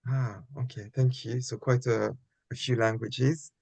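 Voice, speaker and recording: A man's voice: mid-range voice, level tone, a little slow, creaky, darkish tone, breathy edge, no room sound. A man hosting a live online interview, welcoming and introducing his guest in a polite, formal way. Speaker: host.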